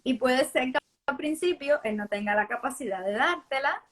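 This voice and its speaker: A woman hosts a live-streamed chat, speaking as a mother about her own experience. Her voice sits a little high, and she reflects thoughtfully with soft laughs between points. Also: lively intonation, normal speed. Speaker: mother and host.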